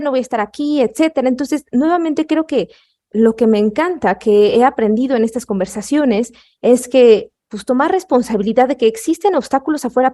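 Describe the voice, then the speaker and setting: A woman's voice: fairly high pitch, warm tone. A woman hosting an interview, thoughtfully summing up her guest's words with frequent fillers. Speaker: podcast host. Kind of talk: reflective interview talk.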